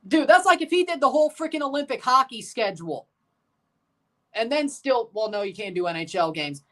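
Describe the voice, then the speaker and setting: Streaming a live match watchalong, a man chats casually and calls goals excitedly while trying to protect his strained voice. His voice is very high-pitched, he talks briskly, and he's far from the mic.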